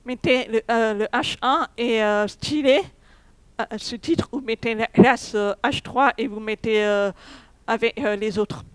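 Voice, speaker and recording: A woman's voice: fairly high pitch, fairly even intonation, measured pace, smooth, dry recording. A young woman giving a technical conference talk, hesitant, with many fillers and restarts. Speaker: conference speaker. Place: conference hall.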